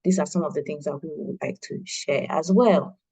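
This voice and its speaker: Husky woman hosting with many fillers. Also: deep voice, warm tone, poor audio. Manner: halting, many fillers and restarts. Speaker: event host. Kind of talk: hosting an online launch meeting.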